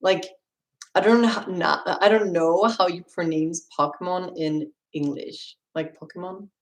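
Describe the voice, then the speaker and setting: A woman's voice: fairly low pitch, measured pace, reverberant. A young woman from Sweden with a Swedish accent, chatting casually on a live stream as she answers viewer questions and laughs often.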